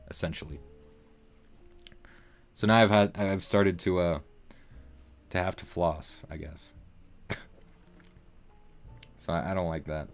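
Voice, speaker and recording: A man in his late teens hosting a casual livestream, rambling along with lots of fillers and restarts. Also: fairly low pitch. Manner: rambling, loose talk full of fillers and restarts. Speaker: livestream host.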